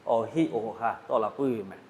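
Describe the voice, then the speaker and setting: A man preaching a sermon in an animated way, mixing in English phrases. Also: fairly quick. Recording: long hall reverb.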